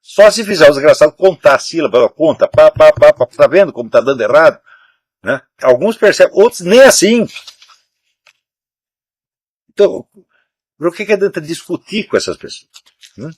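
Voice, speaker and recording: A man's voice: on the high side, expressive, moderate pace, long pauses, husky, no echo, clean studio sound. An older man from Brazil, host of his own show, talking in a loose, emphatic way, swearing often and ending phrases with a questioning tag. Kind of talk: casual spoken commentary.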